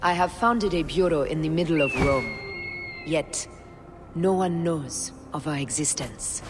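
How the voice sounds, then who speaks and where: An actress voices a grim, resolute female assassin in a game cutscene, delivering her lines coldly and low, often in a whisper. She takes her time, and there's noise in the background.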